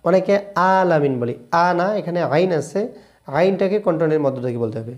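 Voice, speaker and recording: A man with a Bangladeshi Bengali accent teaching correct Quran pronunciation, switching between brisk explanations and slow, drawn-out chanted recitation. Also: on the high side, expressive, a little mellow. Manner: alternates quick explanations with slow drawn-out chanted Arabic phrases.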